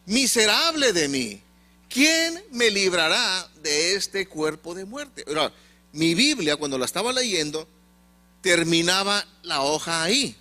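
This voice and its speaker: A man from Monterrey, preaching a sermon with emphatic swings and pauses. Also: high voice, sing-song, pushed and bright. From Monterrey, Mexico.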